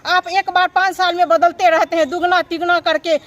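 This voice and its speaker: A woman's voice: very high voice, level tone, moderate pace, a bit bright. A woman from Bihar giving an impassioned protest speech in the street, full of indignant rhetorical questions. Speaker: protesting anganwadi worker.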